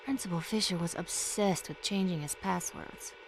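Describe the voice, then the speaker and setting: A woman's voice: on the low side, moderate pace, noisy background, lightly acted. An actress playing a sardonic young woman who breaks rules playfully, speaking in a wry, teasing way in a video game. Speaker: former student guiding a stranger.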